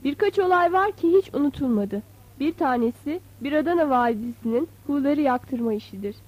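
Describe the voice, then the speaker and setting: A woman narrating a novel as an audiobook, in a measured, expressive reading. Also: high-pitched. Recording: dull, slightly lo-fi.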